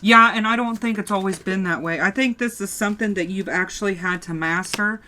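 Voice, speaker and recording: A woman with a sore throat gives a casual tarot reading, addressing her viewers directly and frequently starting her sentences over. Her voice is mid-range and brisk, with background noise audible.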